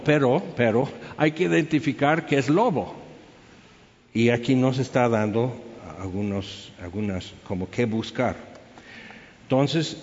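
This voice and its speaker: A man with a Mexican accent preaching a sermon, animated, firing off rhetorical questions and acting out the people he quotes. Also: on the high side. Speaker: pastor. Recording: echoey hall, dull lo-fi sound.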